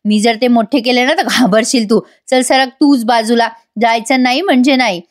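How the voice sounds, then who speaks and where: A woman's voice: fairly high pitch, normal speed, lightly acted. A woman playing a headstrong, teasing young wife. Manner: teasing, insistent.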